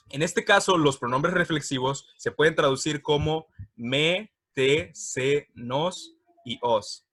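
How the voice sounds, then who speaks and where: A man teaching an English grammar lesson from slides, explaining patiently, checking in often, and repeating words slowly for pronunciation. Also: mid-range voice, sharp tone, slightly rough, no room sound.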